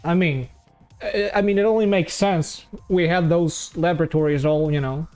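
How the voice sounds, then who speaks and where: A man from Ukraine hosting and commentating a fighting-game tournament stream, relaxed and chatty. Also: on the high side, normal speed, soft background music. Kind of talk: casual esports commentary.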